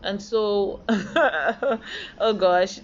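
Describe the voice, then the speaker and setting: A woman from Nigeria gives a motivational talk, telling stories in a lively, animated way. The recording sounds a little dull, with a faint hiss underneath. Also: medium pitch, extremely slow. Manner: animated, storytelling, acts out quoted voices. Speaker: motivational speaker.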